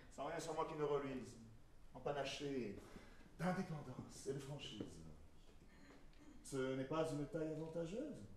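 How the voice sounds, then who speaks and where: A man acting a proud, witty, mocking swordsman poet on stage, declaiming verse in a hammy theatrical manner. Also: on the high side. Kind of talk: verse stage play performance. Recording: echoey hall from far off, noisy.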